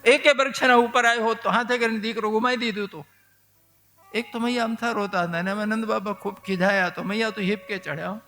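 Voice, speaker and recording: A man's voice: high voice, bright, forceful tone. A man, telling a devotional story as a sermon with emotive exclamations.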